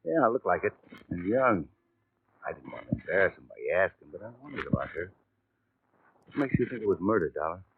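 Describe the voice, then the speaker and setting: A man's voice: deep voice, sing-song, fairly quick, long pauses. An actor playing a friendly, worldly male hotel house detective who talks in a chatty, confiding way, heard as an old AM radio broadcast. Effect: old AM radio broadcast sound. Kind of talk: 1950s radio drama acting. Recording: tinny, narrow-band old radio broadcast with faint hiss.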